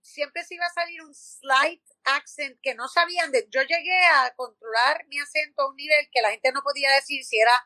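Chatty and fairly high-pitched, a Puerto Rican actress tells animated stories as an interview guest, speaking at a normal speed with hardly any pauses and plenty of fillers and restarts. She has a Puerto Rican Spanish accent. The recording is dry and the audio quality poor.

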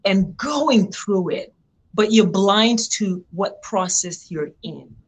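A woman's voice: medium pitch, expressive, takes it slowly, slightly rough. A young woman from Zimbabwe, a guest in an interview, telling her story in an earnest, reflective way. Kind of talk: interview conversation.

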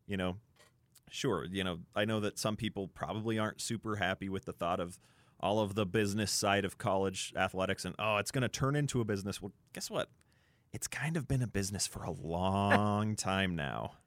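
On a sports talk panel, a man with a fairly low, slightly bright voice talks unscripted at a moderate pace, reasoning aloud conversationally. There's no room sound in the recording.

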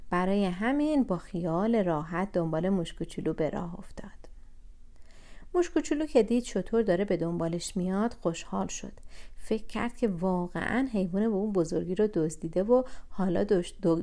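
A woman narrating a children's storybook in a soft voice that often drops into a whisper. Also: on the low side.

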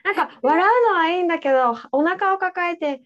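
High-voiced chatty woman, lo-fi sound. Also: expressive, fairly quick, fairly bright tone. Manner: chatty storyteller, laughs often. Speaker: podcast co-host. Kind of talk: casual chat.

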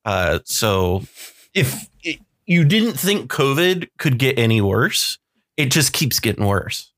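A young man hosting a podcast in a relaxed, chatty way, full of fillers and laughs. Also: mid-range voice, slow, no echo, clean studio sound. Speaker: podcast host. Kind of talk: casual podcast chat.

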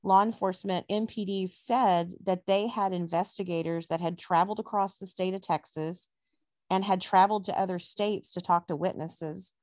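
A woman's voice: lowish voice, steady tone, normal speed, darkish tone, dry recording, studio quality. A woman hosting a podcast interview, talking in a friendly, chatty way with frequent fillers. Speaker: podcast host. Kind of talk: casual conversational interview.

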